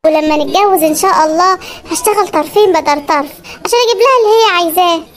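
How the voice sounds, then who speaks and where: Performer as a cartoon suitor guy, chipmunk-high voice, hurried, boastful, Egyptian accent. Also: fairly bright tone. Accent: Egyptian Arabic. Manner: pleading, boastful, chipmunk-fast. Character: persistent young man suitor, tuk-tuk driver. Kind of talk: comedy cartoon voice acting.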